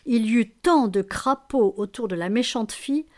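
A woman's voice: fairly high pitch, moderate pace. Woman reading a fairy tale aloud. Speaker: storyteller.

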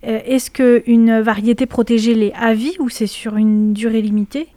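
A woman's voice: a little high, fairly even intonation, moderate pace, warm tone, no room sound, clean studio sound. A woman interviewer asking questions politely, with frequent hesitations.

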